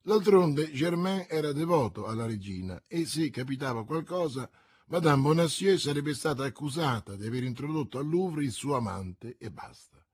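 A man with a husky voice narrating a classic novel aloud in a measured, dramatic storytelling manner. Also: on the high side, expressive. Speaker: audiobook narrator. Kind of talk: scripted literary narration.

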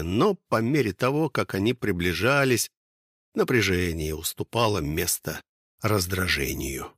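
A man narrating an audiobook in the first person, expressive and storytelling. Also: lowish voice, no echo, clean studio sound.

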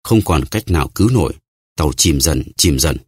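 A man's voice: rumbling low, expressive, moderate pace, slightly rough, dry recording, clean studio sound, exaggerated voice. A man voicing an old, plain-spoken sailor. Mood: earnest.

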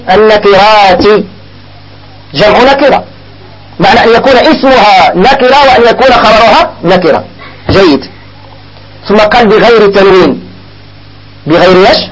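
High-voiced Moroccan man teaching grammar. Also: poor audio. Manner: asks questions and answers them himself, repeats examples slowly. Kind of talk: classroom grammar lesson.

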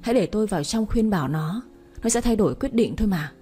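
A woman's voice: medium pitch, animated, fast, dark tone, husky, soft background music. Woman reading a pleading tearful mother. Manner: pleading and begging. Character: weeping pleading middle-aged mother.

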